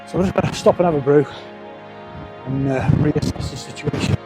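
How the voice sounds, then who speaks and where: Man, higher-pitched voice, casual outdoor vlog, wind in the face, wind on the mic, loud music. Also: fairly quick. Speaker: hiking vlogger. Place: outdoors on windy fells. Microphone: camera mic, external mic on some parts.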